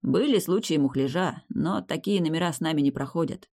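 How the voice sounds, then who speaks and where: A woman's voice: deep voice, brisk, vocal fry. A woman reading a wry shapeshifting rector. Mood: explaining. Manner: calm, teasing, matter-of-fact. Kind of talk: audiobook character reading.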